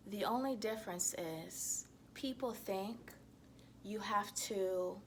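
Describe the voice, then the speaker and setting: A woman giving a reflective self-help monologue to viewers, speaking in a deliberate, halting way with emphatic repetition. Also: medium pitch, slight background noise.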